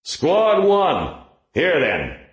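A man reading an audiobook, voicing a gruff male police tactical chief who barks orders in a rasping voice. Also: fairly high pitch, wildly swooping pitch, drawn-out words, echoey room, voice pushed up, full character voice, poor audio. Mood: barking orders. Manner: barking through a bullhorn.

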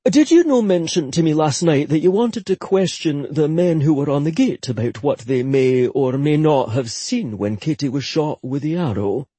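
A man voicing a solemn younger brother with a Scottish accent, measured and earnest. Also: a little high, lively intonation, dark tone, husky, no echo.

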